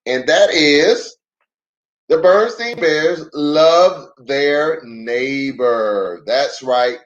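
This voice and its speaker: This pastor, a middle-aged man with a fairly high voice, reads very slowly from a children's storybook, and the top frequencies are cut off. He talks directly to the kids with playful, chatty asides, keeping things expressive.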